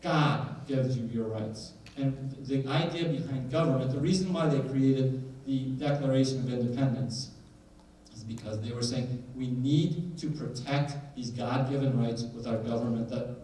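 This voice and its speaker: A man's voice: mid-range voice, fairly even intonation, normal speed, warm tone, a little hiss or hum. A man giving a conversational lecture to a live audience, questioning the crowd and joking as he goes. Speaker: attorney giving a presentation. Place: large hall. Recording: echoey hall, heard from a distance.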